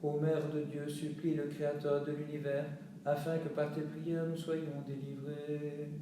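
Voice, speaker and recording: Slow chanting man in echoey chapel. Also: on the high side, monotone, mellow, slight background noise. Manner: slow solemn chanting with sung refrains. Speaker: reader of liturgical texts. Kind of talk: chanted liturgical reading.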